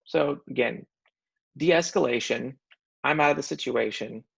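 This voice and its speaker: A man recounts a personal story in a relaxed conversation, his mid-pitched voice carrying a gravelly fry. He talks with a joking, animated edge and often trips over and restarts his sentences. The recording sounds dull and lo-fi. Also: a little slow. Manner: animated, self-described funny guy, frequent restarts. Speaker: guest sharing a personal story.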